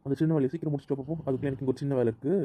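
A commanding young husband who teases and sets rules , as a man acts him. He talks quickly with a very dark, mellow tone. It is an amateur audio drama. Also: mid-range voice, steady tone, natural voice. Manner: commanding, teasing. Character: bossy, teasing young husband.

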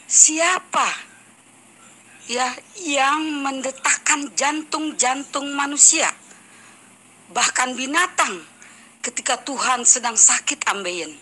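A woman's voice: high-pitched, takes it slowly, bright, forceful tone, slight background noise, low-quality recording. A woman arguing in a voice-note debate, challenging her opponent in a lecturing tone.

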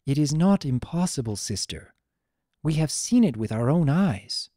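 For a story reading, a narrator voices the elder sister, a wise and weary female pony princess, in a measured, solemn, gentle manner with a grave mood. The mid-range voice swings widely in pitch, recorded dry with clean studio sound.

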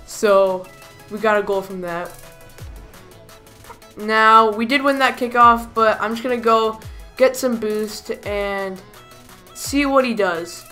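A hoarse woman giving chatty, self-deprecating commentary over her own gameplay as a gaming YouTuber. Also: a little high, bright, forceful tone. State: hoarse, lost voice.

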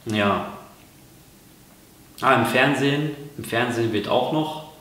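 In a very echoey room, a vlogger from Germany explains things casually, stumbling with lots of fillers and restarts. He speaks slowly in a mid-range voice with a sharp tone.

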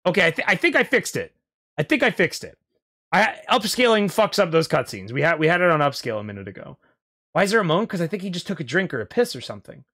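A man live streaming casual game commentary in an excitable, joking, sweary way. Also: fairly high pitch, fast talker. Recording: music and game sound underneath.

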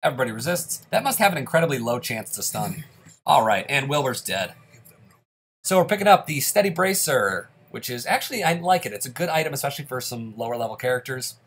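A man's voice: mid-range voice, sing-song, quick pace, fairly bright tone, husky. A congested man hosting a gaming channel, chatting through each move in his let's play commentary.

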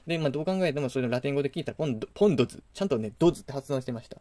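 A man's voice: mid-range voice, racing, warm tone. A man with a Kansai accent hosting a casual vlog, ranting in exasperation with sudden indignant outbursts. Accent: Kansai Japanese. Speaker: video host.

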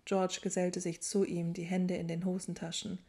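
A woman narrating a story in a steady storytelling way. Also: on the low side, moderate pace. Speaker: audiobook narrator. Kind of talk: scripted narration of a fan story.

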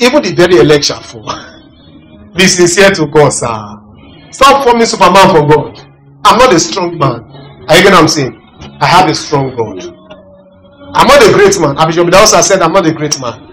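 A man's voice: sits high, a bit bright, poor audio. A man with a Nigerian English accent preaching a sermon as pastor, emphatic and repetitive, often asking whether listeners follow him. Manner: emphatic preaching, repeating phrases and asking the congregation if they follow.

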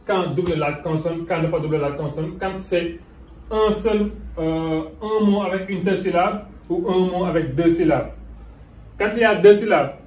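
A man's voice: high-pitched, recorded from a distance. A man from Senegal with a Senegalese French accent, whose first language is Wolof, teaching English grammar at a whiteboard, switching between French and English and checking in with "okay?". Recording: roomy sound from away from the mic.

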